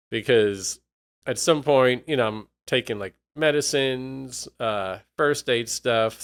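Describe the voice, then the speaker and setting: A man's voice: mid-range voice, fairly bright tone, smooth. A man talking alone in a casual, rambling, reflective way, with many fillers and restarts, his voice a bit worn. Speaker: podcast host. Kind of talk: casual solo monologue.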